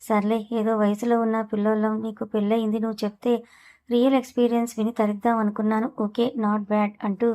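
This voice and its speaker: A woman's voice: fairly high pitch, little pitch movement, fast, warm tone, natural voice. A woman doing a cheeky, nosy girlfriend. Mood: teasing. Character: playful nosy young woman friend.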